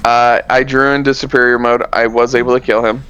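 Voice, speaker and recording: A man's voice: medium pitch, brisk, lo-fi sound. A man co-hosting a card game podcast, recapping tournament rounds in a loose, rambling way with lots of fillers. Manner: relaxed, rambling, many fillers and self-corrections. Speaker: podcast co-host.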